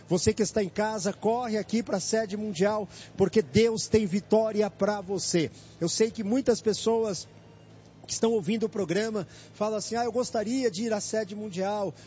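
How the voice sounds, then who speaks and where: High-pitched fervent Brazilian radio host. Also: male voice, warm tone. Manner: fervent, inviting, addresses listeners directly. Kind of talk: evangelical radio broadcast. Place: church headquarters, live broadcast. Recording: dull lo-fi radio broadcast with faint noise.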